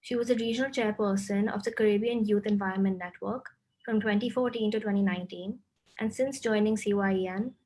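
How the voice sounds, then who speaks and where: A woman's voice: medium pitch, steady tone, brisk, darkish tone, low-quality recording. A young woman moderating an online event, politely reading a guest's introduction with small slips.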